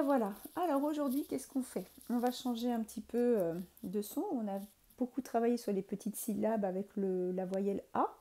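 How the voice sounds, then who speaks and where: A woman teaching young children remotely, speaking clearly and spelling out letters and sounds. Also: mid-range voice, warm tone. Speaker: primary school teacher. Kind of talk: remote lesson for young pupils. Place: classroom in front of a board.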